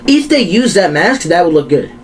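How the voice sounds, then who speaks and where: A young podcast co-host chats casually and animatedly in a high-sitting voice, rambling with plenty of fillers and restarts. He speaks at normal speed, and the low-quality recording carries slight background noise.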